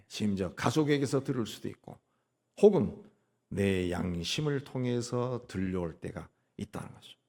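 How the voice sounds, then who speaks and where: A male pastor delivering an earnest sermon, rising at times and dropping to a hush at others. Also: fairly low pitch. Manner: earnest preaching that swings between raised and hushed delivery.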